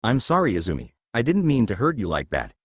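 A man voicing a calm young male hero who speaks earnestly in a storybook reading. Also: medium pitch, fast, breathy edge, no echo, clean studio sound.

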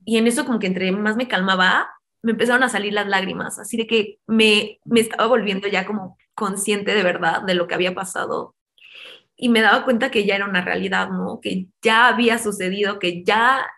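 A young woman in her twenties with a Mexican Spanish accent, a guest in an interview, telling a personal story in a lively, chatty way and acting out the voices of the people in it. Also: medium pitch, a little fast, creaky. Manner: animated, acts out quoted voices, fond of diminutives.

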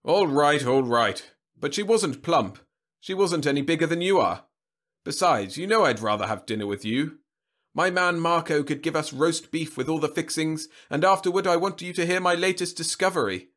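A man voicing a gruff, sarcastic old male doctor with a savage edge. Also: on the high side, moderate pace, a bit bright, pitched above the performer's own voice, close to an everyday voice. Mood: coaxing.

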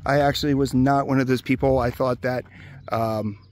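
A man from around Hershey, Pennsylvania records himself outdoors on a handheld camera while touring a closed old amusement park. Relaxed and chatty, he points out rides with frequent "uh" and "um," at medium pitch and a moderate pace.

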